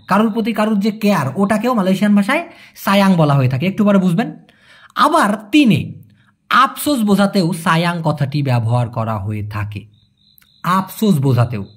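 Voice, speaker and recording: A man teaching a language in a casual lesson. He repeats phrases slowly and then explains them quickly, answering viewers' questions. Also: sits high, slightly rough.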